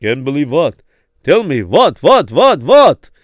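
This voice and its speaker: A man playing a grave, insistent rabbi who slows down to press his points. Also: medium pitch, sing-song, no room sound, clean studio sound. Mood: solemn. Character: stern, solemn male rabbi advising a father.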